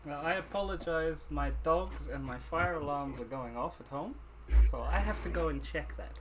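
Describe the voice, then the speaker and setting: Man player, slightly higher voice, casual, clicks and noise behind. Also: normal speed. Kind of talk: casual game chat.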